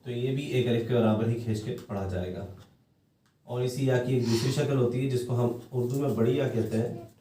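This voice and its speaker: A man's voice: mid-range voice, mellow, a little hiss or hum. Patient male Quran teacher, chants the letters, distant mic in an echoey room. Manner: patient, repeats each letter in a drawn-out chant. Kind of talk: recorded lesson for children.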